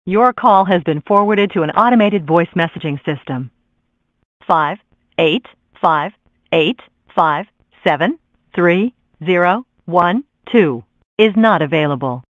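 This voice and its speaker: A woman's recorded voice giving an automated voicemail greeting, an answering machine message in a flat, even prompt. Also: lowish voice, unhurried, dry recording. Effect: answering machine message over a phone line. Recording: dull phone-line sound.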